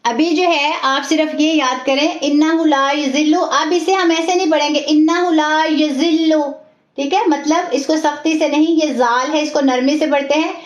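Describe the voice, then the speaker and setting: A woman teaching a recitation class, patiently repeating each word slowly and often checking in with her students. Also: high-pitched, steady tone. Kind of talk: online class lesson, slow repetition drills. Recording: roomy, dull lo-fi audio.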